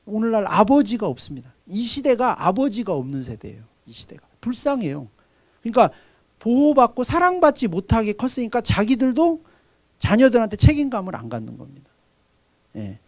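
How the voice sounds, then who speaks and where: A middle-aged man preaching a sermon as pastor, swinging between loud exhortation and quiet asides. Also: sits high, dry recording.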